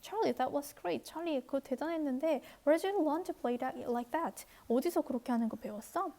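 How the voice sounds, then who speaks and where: Woman voicing an eager schoolboy in a storybook, lifted questions, high and mellow. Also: moderate pace, close to an everyday voice. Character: admiring, curious teenage schoolboy.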